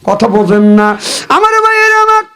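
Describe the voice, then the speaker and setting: A man from Bangladesh preaching a waz sermon, telling a story in a sing-song style with sudden high exclamations and calls for the crowd to respond. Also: sing-song, moderate pace, sharp tone, clear, resonant tone.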